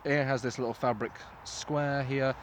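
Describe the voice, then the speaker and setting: Man, mid-pitched, casual review host, loose informal delivery, slightly noisy recording. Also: steady tone, normal speed. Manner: informal, sweary. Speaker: host reviewing gas masks.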